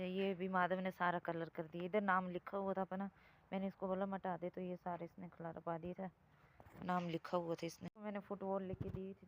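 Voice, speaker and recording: A woman's voice: lowish voice, noisy background. A woman, chatting casually to her viewers as she films her garden and home. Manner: chatty, keeps saying "look" and "guys" to viewers. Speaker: family vlogger. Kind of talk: casual home vlog tour. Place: home garden on a foggy day, then indoors.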